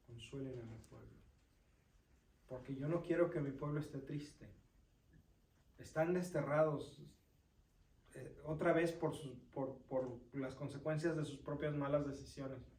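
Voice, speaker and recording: Male deacon, somewhat high pitch, scripture reading and teaching, roomy echo. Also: measured pace, a little mellow. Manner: reads scripture aloud, then explains it and quizzes listeners. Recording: roomy sound from a distant mic.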